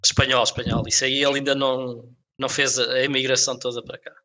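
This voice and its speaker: A man's voice: mid-range voice, flat delivery, fast, bright, forceful tone. A man with a European Portuguese accent chatting casually on a podcast, explaining things in an informal way. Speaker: podcast co-host.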